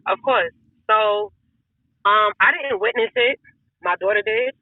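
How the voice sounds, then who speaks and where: A woman's voice: fairly high pitch, big pitch swings, unhurried, gravelly, no room sound. A woman guest on a podcast, telling a personal story in a blunt, profane way, full of street slang. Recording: tinny phone-like audio, dry.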